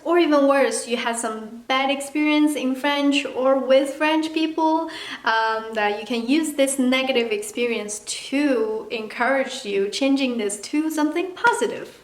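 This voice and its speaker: A Chinese woman, a native Mandarin speaker with a Chinese accent, chats candidly to camera as a language-learning vlogger in an echoey room. Her voice is high and unhurried, and she's casual and chatty, acting out playful asides.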